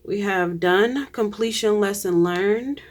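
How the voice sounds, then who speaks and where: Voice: medium pitch, takes it slowly. A tarot reader giving a casual reading to viewers, chatty, often trailing off and restarting, with frequent laughs.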